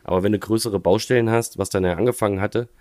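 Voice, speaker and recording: Low man, tiling business owner, halting restarts, dry close sound. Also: steady tone, dark tone, no room sound. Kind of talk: casual podcast chat.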